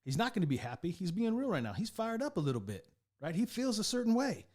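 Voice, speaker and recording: A man's voice: high-pitched, big pitch swings, fast, darkish tone. Chatty male sports commentator. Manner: conversational, repeats himself, keeps asking "right?". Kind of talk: casual video commentary.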